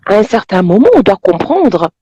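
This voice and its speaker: A woman's voice: medium pitch, sing-song, normal speed, warm tone, slightly rough, dry recording, muffled recording. A woman from Congo, calling in by phone and rambling in a preachy way while laughing often. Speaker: caller. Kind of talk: phone-in commentary. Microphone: phone call.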